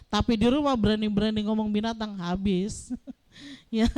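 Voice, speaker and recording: A middle-aged woman pastor giving a sermon as animated storytelling, acting out dialogue as she goes. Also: mid-range voice, moderate pace, smooth.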